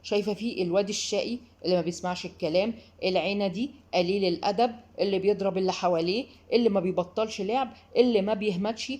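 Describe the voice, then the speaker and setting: A woman's voice: medium pitch, rapid-fire. A woman with an Egyptian accent giving parenting advice, talking straight to the listener and acting out quotes. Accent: Egyptian Arabic. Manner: animated, addresses the listener directly, acts out quotes. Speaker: parenting advisor. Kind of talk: advice talk to mothers.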